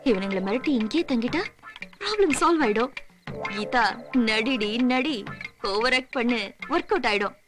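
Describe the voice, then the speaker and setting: An actress playing a sharp-tongued, scheming young woman in a film comedy, full of mocking retorts. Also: very high-pitched. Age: young adult. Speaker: film character. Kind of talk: Tamil film comedy dialogue.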